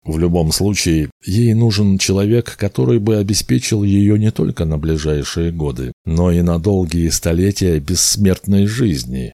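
A man narrates a fairy tale in a measured, storytelling manner. His voice sits very low, with a dark, mellow tone. The recording is dry and close, with no room sound. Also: no room sound. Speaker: audiobook narrator. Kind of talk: scripted narration.

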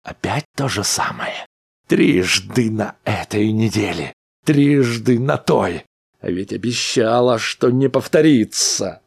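A man's voice: mid-range voice, wildly swooping pitch, unhurried, vocal fry, darkish tone, slightly rough, pitched above the performer's own voice, full character voice. A man voicing a jealous husband who confronts his wife in a raised, bitter voice.

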